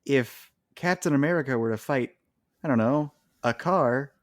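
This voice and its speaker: A man's voice: mid-range voice, moderate pace, dry recording, studio quality. A man co-hosting a podcast in casual chat, picking apart points and laughing between them. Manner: chatty, laughs between points while arguing. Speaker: podcast co-host.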